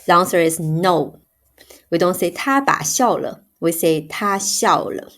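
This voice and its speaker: Patient woman teaching grammar, lowish voice. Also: unhurried, fairly bright tone. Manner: patient, emphatic explaining with repeated examples. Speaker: Chinese language teacher. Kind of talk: explanatory grammar lesson.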